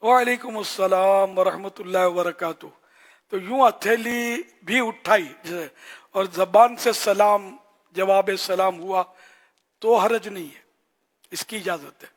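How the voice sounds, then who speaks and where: A man giving an earnest religious teaching in short, admonishing phrases with pauses, as a scholar answering questions. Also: high-pitched. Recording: long hall reverb.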